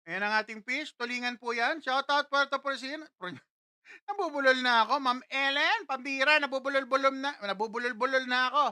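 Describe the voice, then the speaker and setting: A woman's voice: sits high, moderate pace, pushed and bright, no room sound. A woman hosting a casual live stream from a studio, greeting viewers one after another and tasting food on camera.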